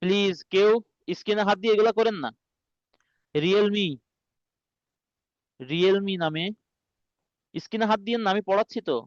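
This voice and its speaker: A man teaching a Quran pronunciation class online, patiently repeating each sound slowly. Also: sits high, clear, resonant tone, dry recording, highs cut off.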